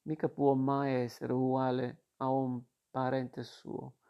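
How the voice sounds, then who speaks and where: A man reading the lines of a shy young stepmother from a novel, in a slow, flat, gravelly voice. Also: mid-range voice. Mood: questioning. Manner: plain, barely changed reading voice. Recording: dull lo-fi recording.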